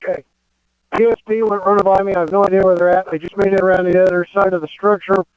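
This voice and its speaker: A man's voice: high voice, level tone, quick pace, highs cut off. A man giving urgent firefighter radio reports to command over a two-way radio. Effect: two-way radio transmission.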